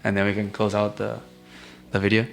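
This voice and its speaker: A man hosting an interview in a relaxed, encouraging way, asking questions and giving short affirmations. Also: lowish voice, fairly quick, vocal fry, soft background music. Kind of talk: casual interview.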